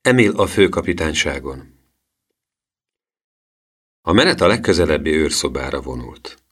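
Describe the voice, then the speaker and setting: Deep-voiced man reading an audiobook. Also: very animated, a bit bright, husky. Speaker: audiobook narrator. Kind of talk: scripted narration.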